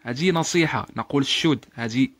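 A man teaching an English lesson, speaking his examples slowly and carefully and explaining them quickly. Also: medium pitch, fairly bright tone, no echo. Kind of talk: language lesson.

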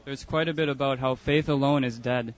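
A man on the street calmly and earnestly explaining his religious views in a debate. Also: mid-range voice, a little fast, highs cut off. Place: outdoors on a city street.

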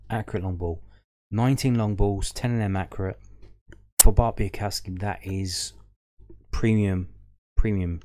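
A man with a mellow, fairly low voice hosts a fan show. He offers casual commentary on football match statistics on screen, musing and thinking aloud as he reads through them.

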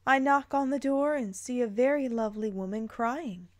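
This woman hosts a dramatic read-aloud of fan fiction, interrupting with playful, incredulous remarks. Her voice is a little high and her pace moderate.

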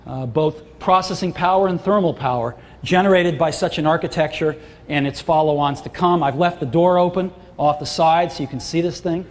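A man's voice: on the high side, normal speed, darkish tone. A middle-aged man giving a product launch keynote on a large auditorium stage, with emphatic, enthusiastic salesmanship. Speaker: keynote presenter. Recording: long hall reverb, faint crowd.

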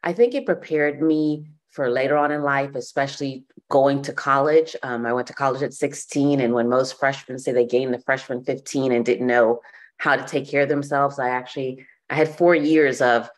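A woman's voice: very deep voice, moderate pace. Woman telling her story. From Bahamas. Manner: relaxed storytelling with frequent fillers. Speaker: guest. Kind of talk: podcast interview.

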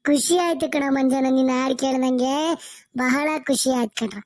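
A woman's voice: sits high, a little mellow. A woman voicing a spooky, teasing female village ghost in a cartoon, with a rural Tumkur accent and a cooing, menacing way of talking. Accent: rural Tumkur Kannada. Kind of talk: cartoon voice acting.

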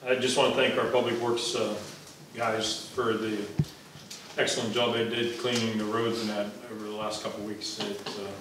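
A man on the council thanking the public works crew, halting with repeated words. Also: fairly low pitch, level tone. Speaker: council member. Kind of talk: meeting remarks. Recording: echoey room from far off with loud noise.

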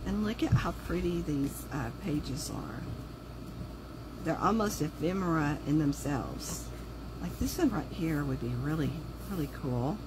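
Hoarse from a sore throat, a craft video host speaks lower than usual at a measured pace, thinking aloud in loose, chatty asides during a crafting livestream. An overhead camera on her table shows only her hands, and a steady hum from the noisy room runs underneath.

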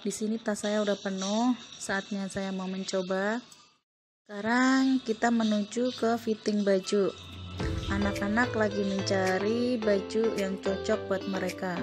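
A woman's voice: medium pitch, steady tone, measured pace, music in the background. Woman narrating a shopping vlog. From Indonesia. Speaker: vlogger.

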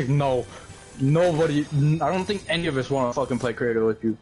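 A man's voice: mid-range voice, brisk, a little mellow, faint music behind. A man gamer in casual voice chat, blunt and teasing, swearing often. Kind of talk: casual voice chat while gaming.

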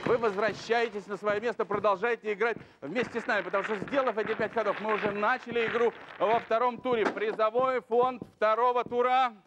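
A middle-aged man hosting a TV lottery draw as a bingo caller, calling numbers in a drawn-out, emphatic way. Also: high-pitched, steady tone, highs cut off. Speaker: lottery show host. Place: large TV game show studio with audience. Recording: noisy old TV studio recording with clicks.

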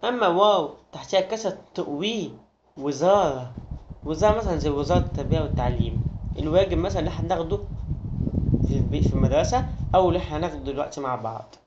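A man's voice: a little high, lively intonation, very fast. A young man with an Egyptian Arabic accent teaching a children's lesson in a coaxing, sing-song way. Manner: coaxing, sing-song, addresses kids as friends. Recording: dull lo-fi recording with noise.

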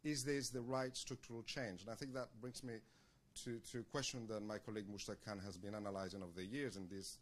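Brief: lower-voiced man, audience questioner, measured and academic, stumbles over restarts. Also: fairly even intonation. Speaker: audience member asking questions. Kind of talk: question at a panel discussion.

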